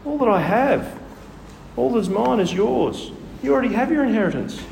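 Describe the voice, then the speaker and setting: A man acting out a compassionate older father who speaks with excited urgency. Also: extremely high pitch, moderate pace, gravelly, echoey room, big-room sound, slight background noise, pitched above the performer's own voice, full character voice, low-quality recording.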